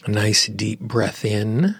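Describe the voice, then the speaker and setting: A man guiding a relaxation meditation, speaking in slow, soothing phrases with long pauses and a husky, sometimes whispery voice. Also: fairly low pitch, dry recording. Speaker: meditation guide.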